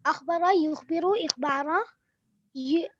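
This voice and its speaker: A woman student reciting haltingly in an online class, often restarting her words over a video call. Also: very high voice, muffled recording, a little hiss or hum.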